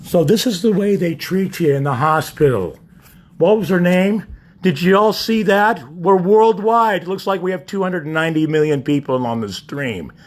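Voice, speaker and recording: A husky-voiced man speaks into his phone from a hospital room. He is belligerent and profane, ranting at whoever is in the room and at his online audience. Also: on the high side. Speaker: patient livestreaming from a hospital bed. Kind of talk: ranting livestream monologue. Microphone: phone held by the speaker.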